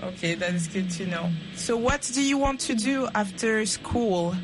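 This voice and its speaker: A woman in her twenties asking friendly, clear questions on a practice call. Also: mid-range voice, moderate pace, noisy background. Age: 20s.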